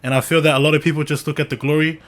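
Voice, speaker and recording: A man hosting a podcast in casual, earnest, slangy talk, often halting and repeating words. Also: on the high side, level tone. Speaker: podcast host. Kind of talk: casual chat.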